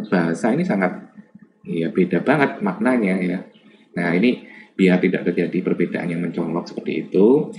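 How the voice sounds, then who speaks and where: Deep-voiced man lecturing casually. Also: background noise. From Java, Indonesia. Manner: conversational, many fillers and tag questions. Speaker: lecturer on lab communication. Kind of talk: informal lecture.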